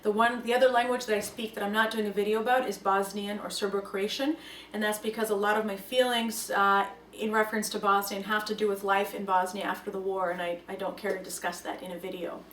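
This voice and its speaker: A young woman, Russian by first language, talks to camera about language learning in an earnest and reflective way, adding lively emphasis. Her voice is mid-range and fairly quick, recorded from a distance in an echoey room with faint room noise.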